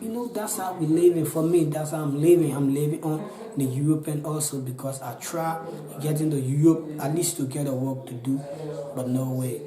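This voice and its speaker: A man's voice: fairly high pitch, steady tone, normal speed, echoey room, crowd noise, rough recording. A Liberian man in his twenties with a Liberian accent, telling his own story in an interview, earnest and pleading, often repeating himself. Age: 20s. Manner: pleading, repetitive, restarts often. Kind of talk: earnest personal account.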